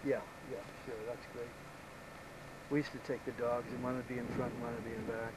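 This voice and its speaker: A man rambles easily about the land around him, his words tumbling out fast. He sounds like an old VHS home video made outdoors on a camcorder. A steady layer of tape hiss sits under his voice. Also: mid-range voice. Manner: easygoing, chatty, quick talker. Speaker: local guide showing a visitor around. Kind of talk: casual rambling storytelling. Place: outdoors on a rural property. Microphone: camcorder microphone.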